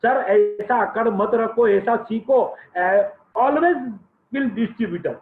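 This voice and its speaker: A man's voice: sits high, extremely slow. A middle-aged man from Gujarat, giving an emphatic motivational business speech from a room at home, repeating key phrases for effect. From Gujarat, India. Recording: tinny, echoey phone-like recording.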